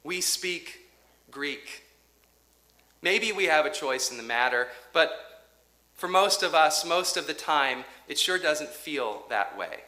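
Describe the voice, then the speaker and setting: Male pastor, bright and clear, slow deliberate sermon delivery, reverberant sanctuary. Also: on the high side, expressive. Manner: measured, rhythmic preaching with dramatic pauses and quiet drops. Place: church sanctuary. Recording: echoey church sanctuary.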